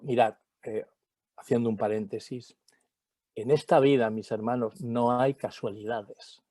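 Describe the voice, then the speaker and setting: Mellow-voiced Spanish male pastor. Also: mid-range voice, no echo. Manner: animated storyteller acting out dialogue. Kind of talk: personal testimony.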